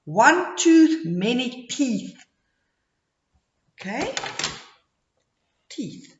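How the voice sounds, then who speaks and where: Addressing young children, an early-grade phonics teacher gives simple instructions extremely slowly, exaggerating and modeling each sound and repeating words and sounds. Her pitch is animated, and the recording sounds dull and echoey with slight background noise.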